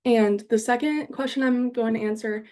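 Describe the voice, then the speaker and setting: A woman's voice: fairly high pitch, steady tone, moderate pace, warm tone. An American woman around twenty, a university student giving a casual, upbeat and earnest self-introduction in conversational phrasing peppered with "like". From Denver, Colorado, United States.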